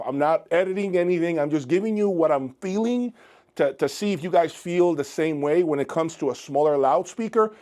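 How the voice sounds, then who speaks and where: With music playing on the speakers he's testing, a man gives an unscripted spoken review of audio speakers. He thinks aloud as he listens and often asks viewers for their views, in a voice on the high side with a darkish tone.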